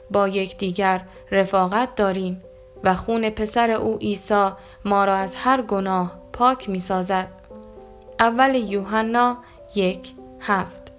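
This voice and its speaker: A woman giving a calm, measured scripted devotional reading in a gentle storytelling manner. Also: medium pitch. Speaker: devotional reader. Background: soft guitar music.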